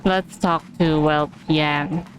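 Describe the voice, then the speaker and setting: A woman's voice: deep voice, steady tone, slow pace, slight background noise, poor audio. A woman giving casual, chatty gameplay commentary, giggling and thinking aloud as she plays. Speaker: game streamer.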